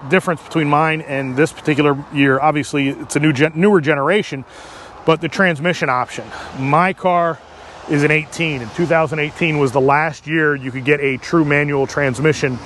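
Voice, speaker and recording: A man giving a casual, unscripted car dealership walk-through as a vlogger, halting and thinking aloud as he looks around. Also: on the high side, fairly bright tone. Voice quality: talking through a face mask indoors. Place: car dealership, showroom then outdoor lot. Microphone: microphone with a furry windscreen. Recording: handheld vlog with background ambient noise.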